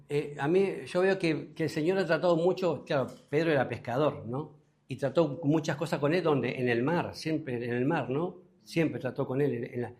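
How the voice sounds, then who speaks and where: Rioplatense pastor guy preaching, highish voice, keeps asking the church stuff and getting loud then soft. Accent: Rioplatense Spanish. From Uruguay. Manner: preaching with sudden rises in pitch and loudness, asking the congregation questions. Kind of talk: sermon.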